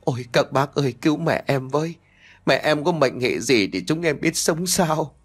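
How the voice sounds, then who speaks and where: A spiteful, greedy village shrew of a daughter-in-law, put on by a male storyteller. She nags and scolds in a sharp, quick voice that leaps up high and shrill when she wails for show. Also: expressive. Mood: wailing.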